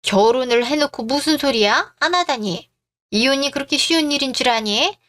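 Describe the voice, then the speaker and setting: A woman's voice: high voice, lively intonation, normal speed, fairly bright tone. A woman voicing a bossy, entitled older mother-in-law in a radio drama, demanding and scolding.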